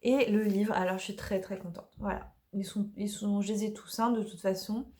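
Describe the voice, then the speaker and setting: A woman casually presenting her oracle deck, chatty and hesitant with many fillers, slightly hoarse from allergies. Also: mid-range voice, steady tone, normal speed, mellow. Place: dim room in the evening.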